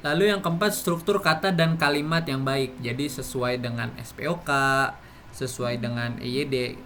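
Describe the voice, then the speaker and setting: A man's voice: mid-range voice, steady tone, moderate pace, fairly bright tone, a little hiss or hum. A man giving a classroom explanation, speaking with many fillers and restarts. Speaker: presenter.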